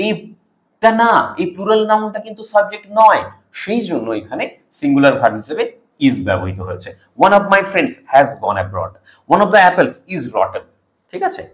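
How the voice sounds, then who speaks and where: A man with a Bengali accent teaching English grammar rules for an exam, explaining each rule and reading example sentences slowly and deliberately, checking in with "okay?" as he goes. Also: mid-range voice, a bit bright. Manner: mixes English terms into Bengali, asks "ok?" often. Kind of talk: exam-prep grammar lesson.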